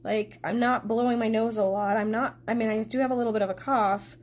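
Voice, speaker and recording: A woman hosts a casual card-making tutorial, chatting straight to her viewers as she cuts. Her voice is fairly high and darkish, with fairly even intonation and a brisk pace. A sore throat leaves her a little congested.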